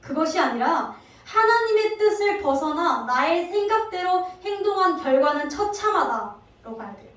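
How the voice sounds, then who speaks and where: A woman evangelist giving a sermon, telling the story lively and asking the congregation many questions. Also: very high voice, normal speed. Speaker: evangelist preacher. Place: church sanctuary. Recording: very echoey hall, distant mic.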